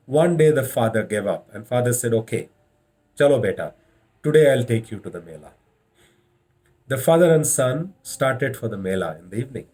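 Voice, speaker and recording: A man with an Indian accent giving a motivational leadership lecture with storytelling, speaking deliberately and repeating phrases for emphasis. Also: mid-range voice, a little mellow. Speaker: leadership trainer.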